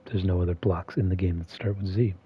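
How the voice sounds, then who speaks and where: A man hosting a video in a soft-spoken, half-monotone voice that is often whispered and slightly strained. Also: sits low, a little fast. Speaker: video host. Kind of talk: soft-spoken ASMR-style commentary.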